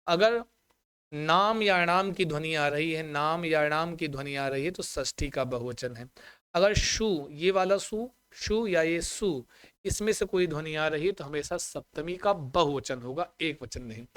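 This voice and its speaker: A man teaching a Sanskrit exam-prep lesson online, chanting word forms slowly and coaxing his students with questions he answers himself. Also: fairly high pitch, a bit bright, smooth, no room sound. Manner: asks the class questions and answers them himself.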